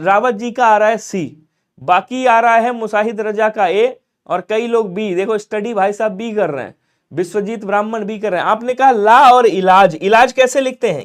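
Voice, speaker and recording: A man teaching Hindi grammar in a live online exam-prep class, coaxing and repeating points and pressing viewers to answer quickly. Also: high voice.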